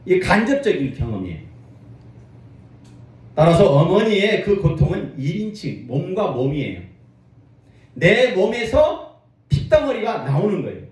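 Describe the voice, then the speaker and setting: A man preaching in a high, animated voice that climbs and drops as he works the congregation. He sounds set back from the mic, and a heavy echo fills the hall around him. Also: unhurried, pauses often, distant mic. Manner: lively preaching with call-and-response to the congregation. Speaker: pastor. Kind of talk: sermon.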